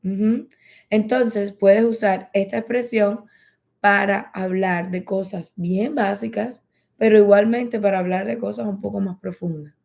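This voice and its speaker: A woman teaching English in a lesson, slowly repeating phrases for learners to practice. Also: mid-range voice, steady tone, gravelly, a little mellow. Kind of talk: bilingual language lesson.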